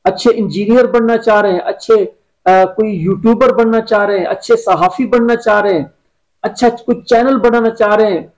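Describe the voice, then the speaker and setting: High-voiced man coaching with advice. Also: normal speed, poor audio. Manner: instructive, repeats key phrases. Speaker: business coach guest. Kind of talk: motivational advice in an interview.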